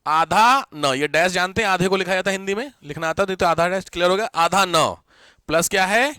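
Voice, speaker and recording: High-voiced Hindi teacher checking understanding. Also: male voice, bright, forceful tone, clean tone, dry recording. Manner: keeps checking if students understood, repeats examples slowly; mixes English words into Hindi. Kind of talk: classroom lecture.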